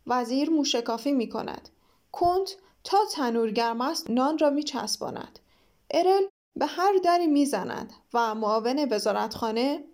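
Woman narrator as curt, commanding storybook king, high voice. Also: darkish tone. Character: bossy, impatient king of a fairy-tale court.

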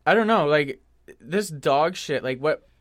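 A young man co-hosting a podcast in casual chat, animated and profane, laughing often. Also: fairly high pitch, measured pace. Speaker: podcast co-host.

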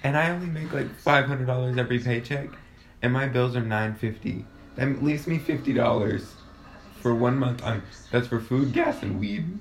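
A man's voice: mid-range voice, fairly even intonation, normal speed. A young man rambling through stories with a laugh in a casual chat with a friend. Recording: echoey room.

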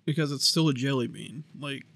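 A man's voice: medium pitch, brisk, gravelly, a bit bright, breathy edge. A man co-hosting a podcast, teasing his friend with swearing and laughter while reading horror trivia. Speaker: podcast co-host. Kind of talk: casual podcast banter, trivia game.

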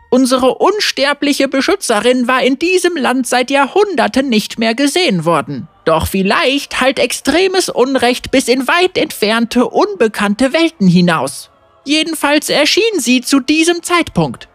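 A woman reading a fantasy story aloud in a measured, expressive narrating voice. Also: high-pitched, dry recording.

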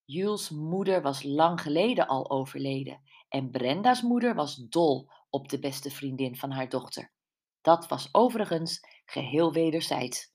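A woman narrating a mystery audiobook in a calm, measured way. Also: low voice. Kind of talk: scripted narration.

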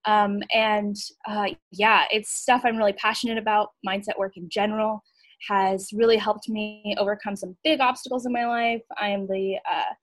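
A woman's voice: mid-range voice, flat delivery, moderate pace, no room sound. A woman from Bulgaria, a writer and coach, talking as a podcast guest in a thoughtful, hesitant way with many fillers. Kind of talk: casual interview.

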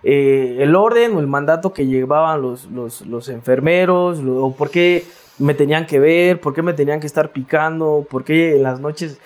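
Mexican guy being interviewed, chill slangy talk, kinda high voice, lots of "¿no?". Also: normal speed, a little mellow. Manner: slangy, restarts, frequent tag questions. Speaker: interview guest. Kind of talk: casual reflective interview talk.

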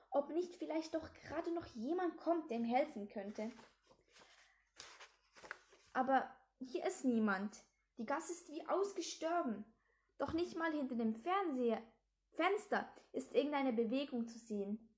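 Woman storybook reader; high voice, steady read-aloud. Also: a little slow. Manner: steady storytelling with small slips. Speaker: reader of a children's book. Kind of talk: reading aloud a children's book.

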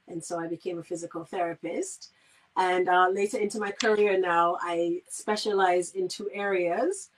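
Interview guest: woman with a Kittitian accent, conversational, recorded at some distance from the mic. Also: mid-range voice. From Saint Kitts, Caribbean. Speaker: guest, physical therapist. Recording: distant from the microphone.

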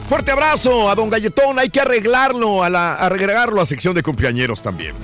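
Lively male radio host with music behind. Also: sits high. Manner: lively, jokey, rapid shout-outs. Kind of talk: casual chat reading listener messages.

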